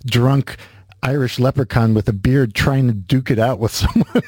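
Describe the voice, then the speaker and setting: A man's voice: medium pitch, normal speed, darkish tone, no echo. A middle-aged man hosting a radio show in a studio, chatting casually, laughing easily and telling stories. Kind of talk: casual talk-radio chat.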